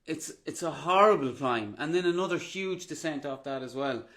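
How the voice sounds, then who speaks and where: A man's voice: a little high, animated, moderate pace, a bit bright. A man co-hosting a trail running podcast, talking in a chatty, teasing way with loose slang. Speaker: podcast co-host. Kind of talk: casual banter.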